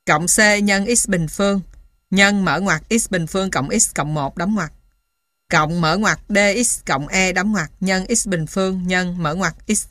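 A woman reading scripted material as dictation, piece by piece, in a measured, matter-of-fact way, like an instructor. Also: fairly low pitch, fairly bright tone, dry recording, clean studio sound. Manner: dictating symbols and punctuation one piece at a time. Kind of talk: scripted dictation of maths formulas.

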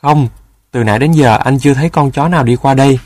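A man's voice: mid-range voice, fast talker, a little mellow, no echo, lightly acted. A man voicing a proud, friendly boy of about twelve in a storybook, a bit boastful. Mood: cocky.

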